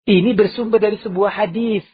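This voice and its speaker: A man with an Indonesian accent delivers a sermon in a large mosque, animated and sharply changing his voice to act out quoted people. His voice is raspy and fairly high. The recording is muffled and lo-fi, with low bitrate. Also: a little fast. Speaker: preacher.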